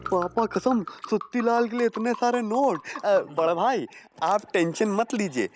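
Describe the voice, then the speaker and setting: An actor playing a cheeky, wisecracking village hustler who is always scheming. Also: male voice, high-pitched, measured pace, noisy background.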